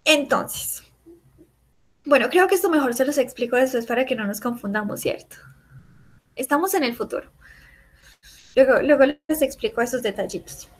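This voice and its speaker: A woman teaching a French class, patiently explaining and repeating each example slowly. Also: high voice.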